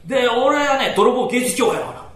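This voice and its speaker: Brief: storyteller doing a brash Edo burglar, rough street talk, lively swooping voice, live in a roomy hall. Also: male voice, very high voice, brisk. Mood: sheepish. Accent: Tokyo downtown speech. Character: brash, greedy male burglar, cocky and easily fooled. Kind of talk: rakugo storytelling. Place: small storytelling hall before an audience. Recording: roomy hall with faint noise.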